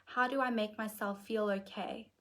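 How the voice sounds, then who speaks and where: Earnest woman teaching gently on a live stream. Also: mid-range voice, steady tone, moderate pace. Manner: gentle, earnest, often says "okay". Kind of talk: reflective teaching talk.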